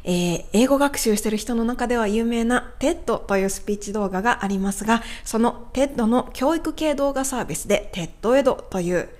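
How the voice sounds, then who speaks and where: A woman hosting an educational radio lesson as a pronunciation coach. She explains politely and repeats words slowly. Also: on the high side, expressive, darkish tone.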